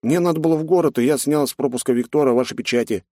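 A man's voice: mid-range voice, very fast, no room sound, studio quality, voice pushed up, natural voice. A man voicing an eager, impulsive young male cadet in an audiobook, blurting out his lines. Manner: excited, blurting.

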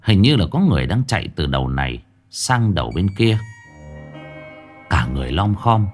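A man narrating a ghost story in an animated, vivid way. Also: sits low, moderate pace, faint music behind.

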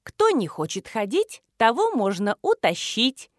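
A bossy, impatient rich blogger from an audiobook, as a woman narrator puts her on. She snaps and hurries others, fairly high, lively and dry. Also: measured pace, no echo. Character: bossy brisk female millionaire blogger.

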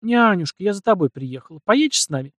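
A man's voice: a little high, quick pace, no room sound, clean studio sound, pitched above the performer's own voice, natural voice. A man putting on an eager young noblewoman. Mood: excited. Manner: eager, excitable.

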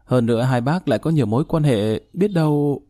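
Stern bossy old mom read by a guy, curt orders, mellow dark tone, dry. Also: mid-range voice, fairly quick, dry recording, natural voice. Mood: confident. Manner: curt, commanding. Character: stern older mother, decisive and commanding. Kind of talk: storybook reading.

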